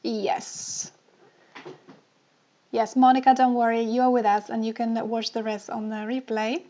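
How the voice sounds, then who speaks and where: A woman's voice: a little high, level tone, measured pace, mellow. A woman dating coach leading a live online session, asking the audience many questions and repeating her phrases for emphasis.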